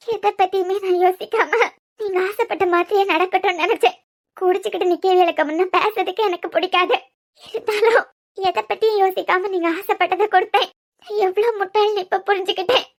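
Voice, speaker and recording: A woman voicing a tearful young wife in a cartoon series, pleading softly with a Kanyakumari accent. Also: very high-pitched, fairly even intonation, fairly quick. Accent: Kanyakumari Tamil. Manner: pleading, sniffling. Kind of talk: cartoon web series voice acting.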